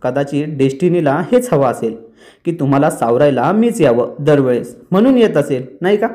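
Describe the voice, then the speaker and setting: Man voicing a teasing young husband, playful, light manner, slightly high voice, retold soap drama. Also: lively intonation, normal speed, warm tone, natural voice.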